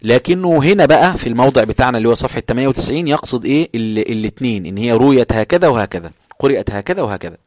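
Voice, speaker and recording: A man's voice: on the low side, no echo, clean studio sound. A man with an Egyptian Arabic accent, teaching as a sheikh. He reads a classical passage aloud, then explains it in colloquial speech and checks that his students follow. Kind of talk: explaining a religious text to students.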